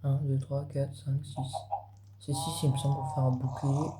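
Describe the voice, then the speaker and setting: A man's voice: mid-range voice, flat delivery, moderate pace. Chatty man with a roomy echo. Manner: chatty, talks straight to viewers. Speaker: gaming video creator. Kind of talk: casual gameplay commentary. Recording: roomy echo, faint background noise.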